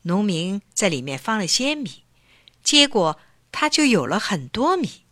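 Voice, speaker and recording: A woman narrating a folk tale for children in an expressive storytelling voice. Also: medium pitch, a little slow, dry recording, studio quality.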